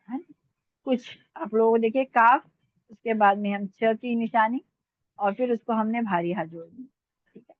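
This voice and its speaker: Woman spelling out letters slowly, tinny sound. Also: fairly high pitch, no room sound. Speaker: Urdu script teacher. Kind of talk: online language lesson.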